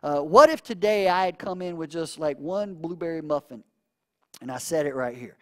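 A man's voice: fairly high pitch, normal speed, fairly bright tone. A man pastor preaching a casual sermon, retelling a story and acting out the quotes in slangy everyday voices. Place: church.

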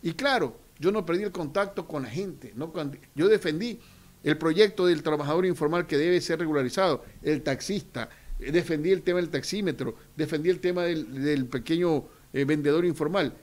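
A middle-aged man speaks as a political candidate on a radio interview. His high voice is forceful and theatrical, and he often swells into near-shouting. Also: normal speed. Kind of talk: radio interview, campaign speech.

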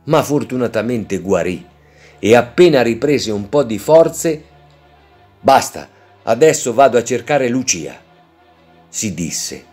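A man's voice: medium pitch, takes it slowly, long pauses, husky, faint music behind. A man reading an adapted classic novel aloud for language learners, voicing the quoted lines with feeling. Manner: lively storyteller, colors quoted lines. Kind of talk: slow, expressive story reading.

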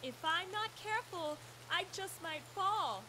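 Scheming damsel, comedy skit, fluttering cries for help, very high pitch, melodramatic. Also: female voice, lively intonation, unhurried, bright, forceful tone, exaggerated voice, low-quality recording. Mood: coy pleading. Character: scheming melodramatic young woman faking damsel in distress.

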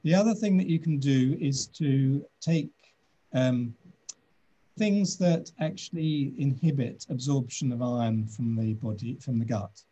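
British doctor in his sixties, video call from his office, husky and mellow, thoughtful with frequent ums. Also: mid-range voice, muffled recording. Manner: measured, thoughtful, many "um"s. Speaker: doctor answering questions. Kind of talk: webinar Q&A.

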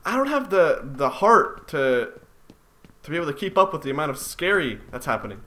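A man's voice: on the high side, very animated, a little fast, pushed and bright, a little hiss or hum. A man giving casual commentary on a horror game, jumpy and swearing, mocking his own fear. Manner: jumpy, swearing, self-mocking, yelps when startled. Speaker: gaming commentator.

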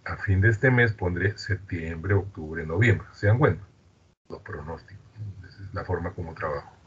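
A man's voice: deep voice, normal speed, breathy edge, dull audio. A man with a Peruvian Spanish accent giving an online lecture, chatty and explanatory, often checking in with students. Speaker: university lecturer.

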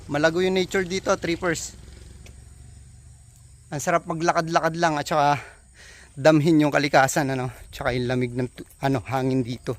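Male travel vlogger, outdoors on a steep slope, winded, excitable, high voice, speaks into a phone. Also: normal speed, pauses often. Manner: excited, exclaims often, addresses viewers as trippers. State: out of breath. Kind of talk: casual walking travel vlog. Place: steep mountain trail outdoors. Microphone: handheld phone.

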